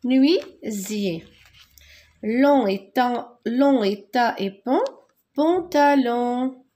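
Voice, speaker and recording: A woman teaching a French lesson, spelling out words syllable by syllable and repeating them slowly. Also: on the high side, dark tone.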